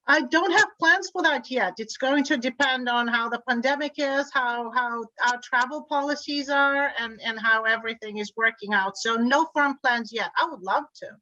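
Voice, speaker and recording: A middle-aged woman from Bulgaria answers interview questions in a bright, tense, fairly high voice. She talks fluently, often repeating small words as she restarts her sentences. The recording is dry and a little dull and lo-fi. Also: normal speed, hardly any pauses, no room sound. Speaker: guest, energy grid board chair. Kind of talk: remote interview conversation.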